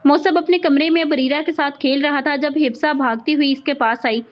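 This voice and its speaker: Female narrator for a romance audiobook, high voice, muffled sound. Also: fairly even intonation, normal speed. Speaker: novel reader. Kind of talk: reading a romance novel aloud.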